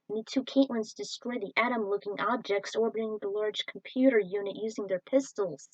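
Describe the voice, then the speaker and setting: In a dry, lo-fi home recording, a woman reads a scripted adventure story as an amateur podfic narrator. Her voice sits on the high side with a darkish tone.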